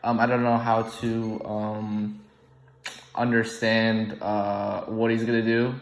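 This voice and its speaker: A man's voice: fairly low pitch, monotone, slow pace. A young man who was born in the UK, hosting an online game and rambling casually with many ums and restarts. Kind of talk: casual unscripted commentary. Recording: echoey room, poor audio.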